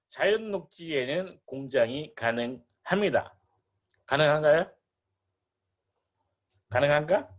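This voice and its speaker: A man giving an online real estate lecture, animated and asking rhetorical questions with playful asides. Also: mid-range voice, muffled recording.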